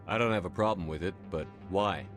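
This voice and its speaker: Game hero played by a man: steadfast male commander, deep, earnest, plain-spoken, with faint music underneath. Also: brisk, close to an everyday voice. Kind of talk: video game dialogue acting.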